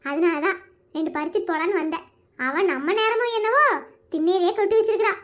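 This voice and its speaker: A sly, scheming village woman whispers her plans in a high, bright voice, as a woman puts her on. She speaks in a conspiratorial hush, the voice of a homespun cartoon schemer. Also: fast talker. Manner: conspiratorial, drops to a low hush. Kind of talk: cartoon voice acting.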